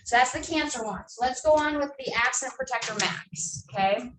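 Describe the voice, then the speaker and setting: A woman's voice: high-pitched, brisk, noisy background. A woman in her twenties coaching new sales agents, talking emphatically with lots of fillers. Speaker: sales trainer. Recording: echoey room from far off, faint ambience.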